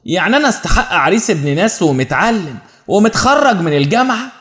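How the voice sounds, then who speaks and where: A man's voice: sits high, big pitch swings, quick pace, fairly bright tone. A man voicing a coy young bride, Egyptian accent. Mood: teasing. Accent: Egyptian Arabic.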